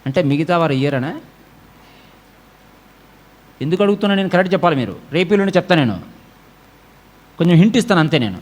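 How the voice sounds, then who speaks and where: A man's voice: a little high, expressive, fast, pauses often. A man preaching a sermon to his congregation, exhorting them and repeatedly calling for them to answer aloud. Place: church.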